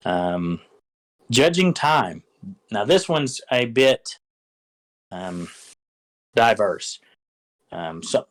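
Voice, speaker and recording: His voice on the low side, a game master gives casual, enthusiastic tips on running a tabletop game, rambling and restarting often amid many fillers. The recording is low in quality.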